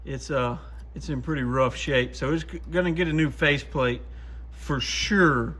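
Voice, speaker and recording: A radio repair vlogger with a slightly bright, fairly high voice talks at a normal speed. He keeps up a casual, folksy running commentary to himself as he works at the bench in a small indoor workshop.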